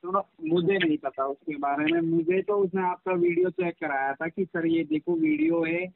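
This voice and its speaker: A man with a very high, creaky voice whose pitch swoops wildly pushes the other party in a casual phone argument, repeating himself insistently. He talks at a normal speed over a tinny, click-filled, noisy line.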